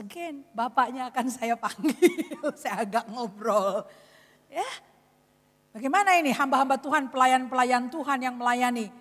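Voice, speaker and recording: High-voiced woman preaching with humor. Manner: lively, joking, addresses the congregation. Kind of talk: humorous sermon storytelling. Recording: reverberant church hall.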